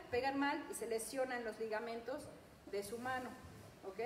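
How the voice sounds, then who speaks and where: A woman with a Mexican Spanish accent leading a self-defense class, counting out reps and checking in with "ok?" between drills. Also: high voice. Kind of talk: fitness class instruction. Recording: echoey room, mic far off, noisy.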